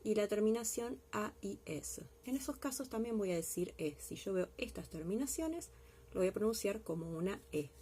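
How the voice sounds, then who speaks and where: Patient woman teacher, mellow voice. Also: mid-range voice, expressive, normal speed, a little hiss or hum. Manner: patient, explains step by step and checks in with the class. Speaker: French teacher. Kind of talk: recorded language lesson.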